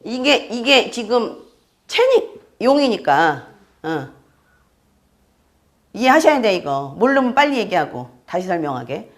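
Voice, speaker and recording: A woman's mid-range, sing-song voice leads an astrology class on fortune-telling. Explaining step by step and repeating the key terms, she often checks with quick questions whether the students are keeping up.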